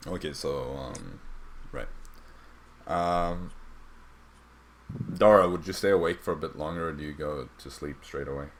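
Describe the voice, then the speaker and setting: Very deep-voiced young man running the game. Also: unhurried, long pauses, slight background noise. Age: young adult. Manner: hesitant, many fillers. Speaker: dungeon master. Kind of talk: narrating a tabletop game.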